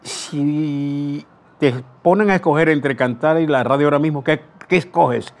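A man's voice: fairly high pitch, measured pace, pitched above the performer's own voice. An old man quoting a fatherly station owner. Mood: amused questioning. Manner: questioning, kindly firm. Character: amused, fatherly male radio station owner.

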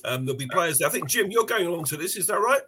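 A man's voice: on the high side, expressive, very fast, pushed and bright, a little hiss or hum, poor audio. A man hosting a fan podcast in a friendly, chatty way, losing his voice a little. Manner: friendly, chatty, many fillers. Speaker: podcast host. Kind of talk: casual podcast chat.

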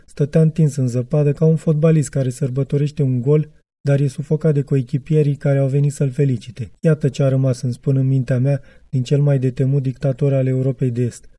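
Very dark, measured male audiobook reader. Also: medium pitch, steady tone, no echo. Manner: measured, reflective reading. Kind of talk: literary audiobook narration.

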